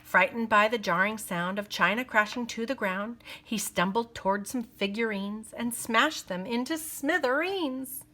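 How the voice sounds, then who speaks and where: In a fairly high voice, a woman performs a children's picture book, reading with deliberate pacing and lots of expression.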